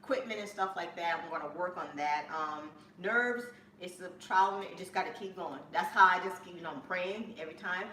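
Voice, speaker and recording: Woman, cooking host, chatty and rambling, bright forceful voice, echoey kitchen, mic set back. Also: on the low side, brisk, hardly any pauses. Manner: chatty, rambling, bursts of excitement. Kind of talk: casual live-stream chat. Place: home kitchen. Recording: echoey room, mic at a distance, faint room noise.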